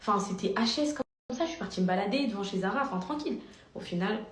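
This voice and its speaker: A woman's voice: medium pitch, expressive, quick pace, a little hiss or hum. A woman influencer telling her followers a story in a slangy, chatty vlog, piling on filler tags. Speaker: social media influencer. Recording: roomy echo.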